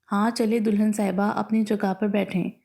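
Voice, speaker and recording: A playful, teasing young woman, the bride's cheeky friend in a storybook, as a woman narrator reads her lines. Her voice sounds mellow and gravelly. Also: medium pitch, flat delivery, moderate pace, lightly acted.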